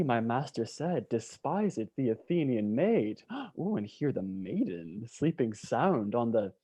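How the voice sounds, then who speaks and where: A man playing a mischievous male sprite in an amateur Shakespeare read-through, speaking in hushed, gasping tones. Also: medium pitch. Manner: hushed, gasping, sly delivery.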